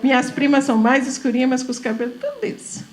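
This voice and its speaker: A woman's voice: sits high, fairly even intonation, fast talker. A middle-aged woman from São Paulo giving an informal, chatty lecture to teachers, often laughing and asking the room for agreement. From São Paulo, Brazil.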